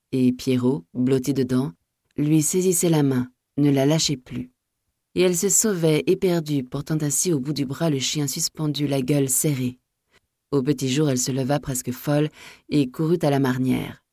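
Mellow, measured storybook narrator. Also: medium pitch, dry recording, studio quality. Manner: measured, phrase by phrase. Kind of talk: audiobook reading of a classic short story.

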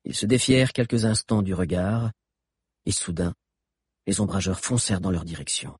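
A man narrating an adventure audiobook with an expressive, dramatic reading. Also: deep voice, moderate pace, breathy edge, no room sound. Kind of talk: scripted narration.

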